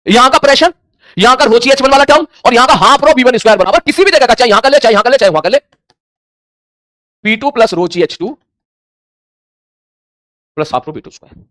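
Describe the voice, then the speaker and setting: A man's voice: extremely high pitch, expressive, fairly quick, long pauses, fairly bright tone, no echo, studio quality. A man teaching a physics lecture, mixing in English terms and acting out his students' questions in dialogue. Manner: mixes Hindi with English terms. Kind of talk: classroom lecture.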